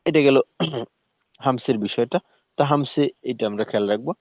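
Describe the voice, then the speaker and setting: A man teaching Quran recitation in a recorded lesson. He demonstrates letter sounds slowly, one syllable at a time. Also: medium pitch, dry recording. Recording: tinny phone-like dry sound.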